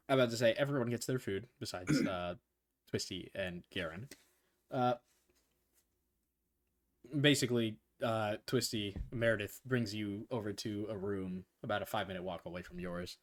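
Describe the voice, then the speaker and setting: A man's voice: fairly low pitch, moderate pace, long pauses. A young man running a tabletop game as game master, narrating loosely with fillers and chuckles.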